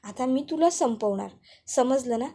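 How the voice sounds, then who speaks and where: A woman's voice: sits high, animated, normal speed, warm tone. A woman voicing a scheming, spiteful villainess who taunts and threatens. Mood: taunting. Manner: mocking and threatening.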